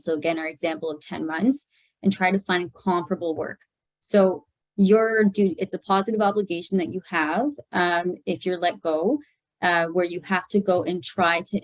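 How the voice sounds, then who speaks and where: A woman's voice: on the low side, dry recording, poor audio. A Canadian woman lawyer explaining legal duties in an information session, carefully, with many fillers. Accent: Canadian English. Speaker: employment lawyer.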